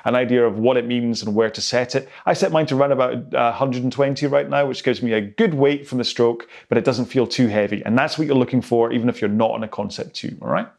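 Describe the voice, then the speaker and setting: A gravelly, medium-pitched man coaches an indoor rowing workout, going over pace targets and technique. His instruction is chatty and rambling, full of self-aware explanations.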